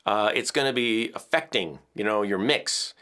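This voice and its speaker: A music educator in his fifties, with a bass-baritone voice, explains audio equipment casually at a moderate pace in a hands-on tutorial from his indoor home studio. He's relaxed and chatty, gesturing and laughing softly, wearing headphones while the studio mic stays off camera.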